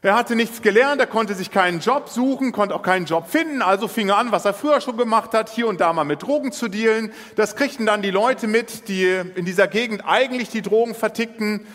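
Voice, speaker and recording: Brief: a male preacher telling a parable with dramatic flair, bright high voice ringing in a big reverberant hall. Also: fairly quick, few pauses. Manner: vivid, dramatic storytelling. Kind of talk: sermon retelling a parable.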